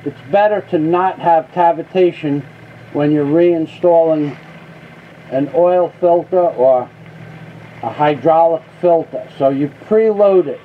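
A man's voice: fairly high pitch, takes it slowly. A man patiently explaining a machine repair outdoors, step by step, recorded on a camera mic. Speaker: mechanic demonstrating a repair. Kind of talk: casual how-to instruction. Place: outdoors beside heavy machinery. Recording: phone-like, faint outdoor noise.

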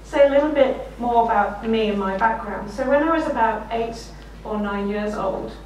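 Standing behind a desk in a lecture room, a middle-aged keynote speaker with a slightly croaky, a bit high voice tells warm, self-mocking stories at a moderate pace, frequently laughing mid-sentence. The room mic sits far away, so the sound is echoey with a faint hiss or hum.

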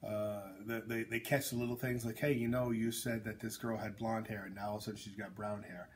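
A man's voice: on the low side, level tone, brisk, slight background noise. A man, an author hosting a casual chat, talking bluntly and jokingly with lots of fillers and tangents. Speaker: author and host.

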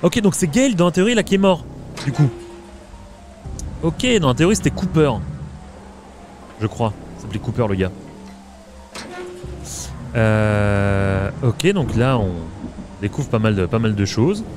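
A man's voice: medium pitch, very animated, a little slow, pauses often. A man giving casual, hesitant gameplay commentary with many filler sounds. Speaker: let's play gamer. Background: game music.

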